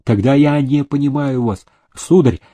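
A man voicing a humble, cautious old widowed father, speaking deferentially and slowly, in a storybook reading. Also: mid-range voice, dark tone, close to an everyday voice. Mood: wary. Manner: deferential, slow and careful.

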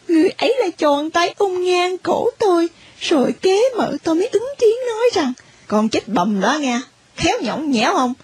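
A woman's voice: extremely high pitch, no echo. A woman reading a story, voicing a tearful poor orphaned young village woman in a plaintive way. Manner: plaintive, tearful, trailing filler particles.

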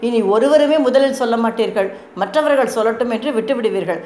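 A woman voicing a wry, genial male king who talks quickly, in an echoey room. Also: a little high, a little mellow, natural voice. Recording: echoey room, faint noise.

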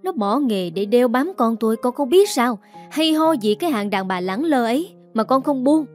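A woman voicing a scornful middle-aged stepmother, a teacher, who scolds in a haughty, shrill way. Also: lively intonation, normal speed, a little mellow, faint music behind, lightly acted.

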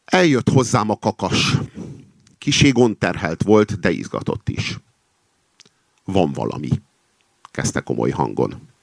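A man's voice: fairly low pitch, wildly swooping pitch, vocal fry, dry recording. A man reading satirical fiction aloud with commentary, in a dry, ironic storytelling manner. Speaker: reader and commentator.

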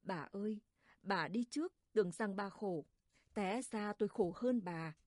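A woman voicing a grieving old widowed father who quietly laments to his late wife in a storybook reading. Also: mid-range voice, unhurried, dry recording, studio quality, close to an everyday voice.

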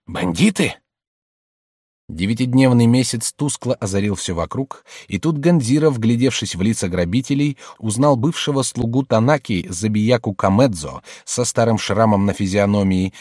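Male audiobook narrator, low voice, dry studio sound, steady delivery. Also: moderate pace, few pauses, dry recording. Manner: calm, steady storytelling. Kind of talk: scripted narration. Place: recording studio.

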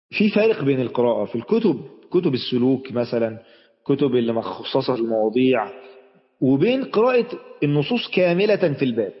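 A man's voice: medium pitch, long reverb tail, dull audio. A man with an Egyptian accent giving a chatty religious lesson, speaking straight to his audience and often restarting his sentences. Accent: Egyptian Arabic. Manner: chatty, addresses the audience directly, frequent restarts. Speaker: sheikh giving an Islamic lesson.

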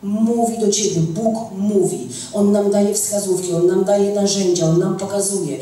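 A woman's voice: medium pitch, fairly even intonation, measured pace, warm tone. A woman teaching a church group, stressing her points by repeating phrases and asking "tak?" to check that listeners follow. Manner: emphatic, repeats key phrases, asks "tak?". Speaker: women's teacher. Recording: echoey room, mic far off, faint noise.

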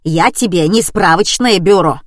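A woman voicing a rude, loud middle-aged morgue receptionist who barks at callers. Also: mid-range voice, measured pace, no room sound, studio quality, lightly acted. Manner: barking, rude.

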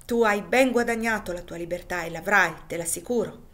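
A woman reading aloud who voices a rough but kindhearted farmer, speaking reassuringly. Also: medium pitch, brisk, a bit bright, lightly acted. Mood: kind reassuring. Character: gruff kindly farmer, middle-aged man.

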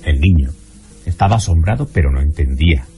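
A man giving a scripted, measured narration in a calm advising tone, with guitar music underneath. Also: rumbling low.

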